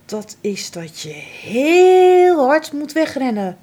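A bold young doe fawn from a storybook, voiced by a woman, sure of herself and a bit cocky. Her voice sits higher, with a lively rise and fall, at a slow pace. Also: heavily acted.

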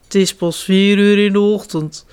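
A woman's voice: mid-range voice, fairly even intonation, normal speed, a little mellow, clear, resonant tone, natural voice. A woman voicing a grumpy, sleepy father bear who grumbles drowsily.

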